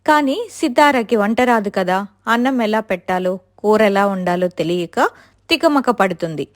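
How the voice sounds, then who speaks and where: A woman's voice: mid-range voice, animated, a little slow. Woman narrating a story.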